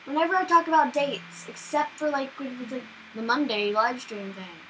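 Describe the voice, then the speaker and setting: High, bright young woman chatting through gameplay. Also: fairly quick, a little hiss or hum, poor audio. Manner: chatty, excitable, easily startled. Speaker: gaming channel host. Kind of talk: casual gameplay commentary.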